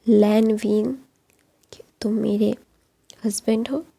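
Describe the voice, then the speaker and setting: A tender young husband soothing his partner in a hushed, level voice, as a woman narrator puts him on. The tone stays low and mellow with a gravelly, husky edge, and it rarely rises or falls. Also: steady tone, slow pace, heavily acted. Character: gentle, protective young husband.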